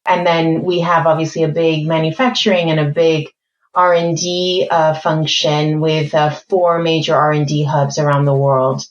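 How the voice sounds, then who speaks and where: In an echoey room with the highs cut off, a woman interviewed on a podcast talks in a low-pitched, flat delivery, measured and articulate, using fillers while she thinks. She is a corporate learning executive, born in France and raised mostly in Spain, with a mixed accent that also carries American and British English.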